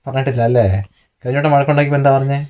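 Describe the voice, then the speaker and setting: A man vlogging at home while pranking his wife, in a quick, teasing way. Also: mid-range voice, little pitch movement, darkish tone, dull audio. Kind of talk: casual home vlog, teasing.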